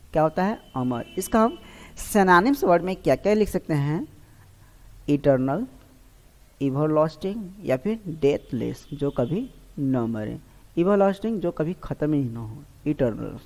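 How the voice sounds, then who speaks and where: A man's voice: on the high side, a little mellow. A man teaching a vocabulary lesson for exam preparation. He asks himself questions aloud and repeats each answer. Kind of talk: online exam-prep lesson. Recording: long hall-like reverb.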